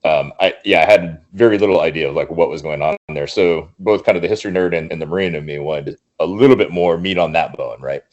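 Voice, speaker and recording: A man with a very low voice talks through a film review on a podcast. He is thoughtful and hedging, and he restarts his sentences often. The sound is slightly dull and lo-fi. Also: fast talker, few pauses. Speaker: podcast guest, Marine veteran. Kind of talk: casual film review chat.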